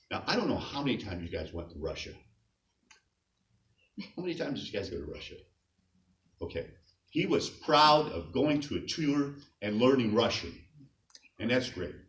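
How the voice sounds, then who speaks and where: Recorded from a distance, off-mic in an echoing hall with slight noise, a middle-aged man with a lowish voice speaks as a scout leader at a memorial. His informal eulogy mixes light anecdotes with occasional chuckles.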